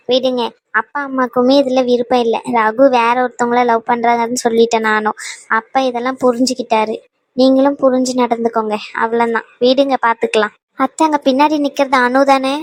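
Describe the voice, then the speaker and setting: A woman's voice: fairly high pitch, little pitch movement, brisk, dry recording, natural voice. A woman voicing an eager, chatty young female cousin in a cartoon. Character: young woman, cousin still keen on her uncle's son.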